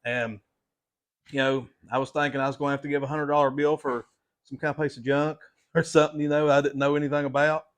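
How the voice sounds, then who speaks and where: A middle-aged man, chatting casually to viewers as a vlog host in a folksy, plain-spoken, halting way. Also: a little high, little pitch movement. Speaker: host of a hobby repair channel.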